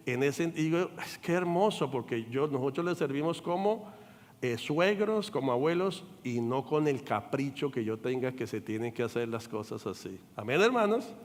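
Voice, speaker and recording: An older man preaching in a church sanctuary, his voice sitting a little high for a man. He speaks with animated delivery and breaks into quoted voices. A long reverb rings through the big room around him. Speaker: pastor. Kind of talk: sermon.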